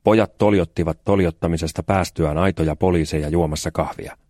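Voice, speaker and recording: A man reads a children's story in a calm, even way with dry, deadpan timing. His voice sits very low. He is recorded close on a studio mic with no room echo. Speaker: audiobook narrator. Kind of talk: scripted narration.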